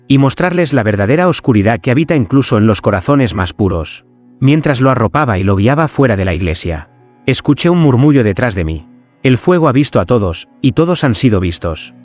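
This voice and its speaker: Solemn male horror narrator with lively pitch. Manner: solemn, dramatic storytelling. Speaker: first-person narrator as a priest.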